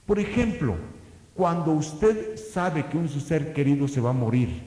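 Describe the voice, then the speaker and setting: Impassioned preacher in an echoey hall. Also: male voice, animated, a little slow. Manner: impassioned preaching with sharp swings in loudness and pitch. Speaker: pastor. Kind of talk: sermon. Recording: echoey church hall with long reverb.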